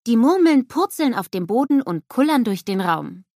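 A woman narrating a scripted children's story in a lively storybook manner. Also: fairly high pitch, moderate pace, no echo, clean studio sound.

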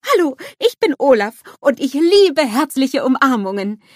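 A woman voicing an eager, innocent little male snowman with a high, excited, childlike manner. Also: measured pace, no room sound, studio quality. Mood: proud.

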